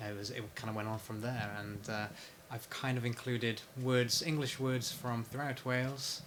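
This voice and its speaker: A man in a casual interview, talking about his research and book in a hesitant way, with many pauses and restarts. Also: medium pitch, flat delivery, a bit bright, a little hiss or hum. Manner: hesitant, lots of fillers and restarts. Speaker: interviewee, PhD researcher and author.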